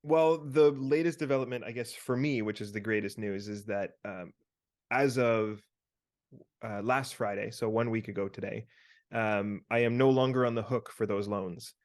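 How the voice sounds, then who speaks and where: A man speaks over a video call as podcast co-host. He talks in a relaxed, meandering way, full of fillers, as he tells a personal story and gives listeners advice. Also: fairly low pitch, normal speed.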